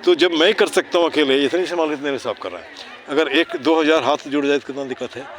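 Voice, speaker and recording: Slight background noise sits under this man's fast, slightly high and fairly bright voice. He's a volunteer teaching children about cleanliness near a city park, sprinkling English into his Hindi, chanting rhyming slogans and constantly asking tag questions to make sure they follow.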